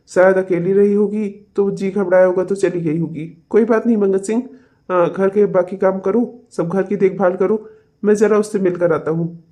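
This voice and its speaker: A man's voice: high voice, mellow, natural voice. A man voicing a self-satisfied, busy rich husband in a cartoon, breezy and demanding.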